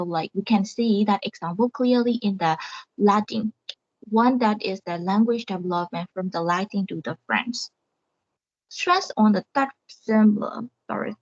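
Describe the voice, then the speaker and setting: A woman student presents to her class over a video call, hesitant and full of fillers, often stopping to correct herself. Her voice sits at a middling pitch and sounds dull and lo-fi. The sound is close and dry, with no room echo.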